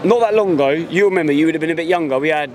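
Racing along in a voice on the high side, a man in his twenties gives a passionate, emphatic street interview outside a busy stadium, repeating his words. He is a football fan, and crowd noise fills the background of this vox pop. The interviewer holds the handheld mic.

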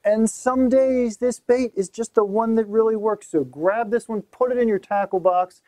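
A man's voice: high voice, normal speed, darkish tone, no echo. A middle-aged man hosting a fishing gear demonstration in a small tackle shop, talking in an upbeat, emphatic way. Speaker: host.

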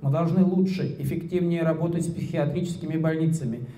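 A smug, cynical ruling official gives a mock-solemn speech to his colleagues, as a man reading his story puts him on. The voice is dark and mellow. It is heard through a handheld mic in a roomy, echoing hall. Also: a little high, steady tone, fast talker, natural voice.

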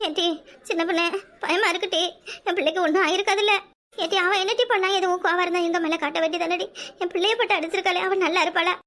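A woman's voice: very high-pitched, fairly even intonation, quick pace, a bit bright. A woman voicing a frantic village mother searching for her missing son, wailing, with a Kanyakumari Tamil accent. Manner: wailing, fretful.

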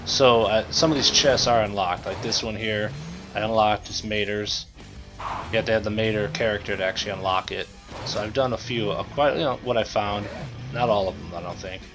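A man's voice: on the low side, brisk. A man giving laid-back, rambling casual commentary as he plays a video game. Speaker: let's play commentator. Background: game music and sounds.

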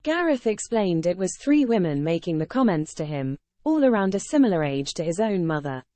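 A woman narrating a celebrity news story in an even, scripted read. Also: on the low side, a little fast, no echo.

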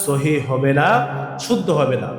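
A man's voice: mid-range voice, normal speed, roomy sound, in a large hall, soft background music. A man teaching adults to recite the Arabic letters, calling out each letter and having viewers repeat it after him, sometimes drawing the letter names out in a sung tone. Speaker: Quran teacher. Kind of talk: slow step-by-step recitation lesson.

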